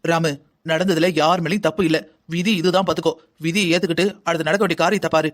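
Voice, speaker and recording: Cartoon mom calmly telling her son it's fate, voiced by an actor, quick talker. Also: on the low side, lightly acted. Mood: firm. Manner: soothing, insistent. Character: calm middle-aged mother, firm and fatalistic. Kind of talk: cartoon drama dialogue.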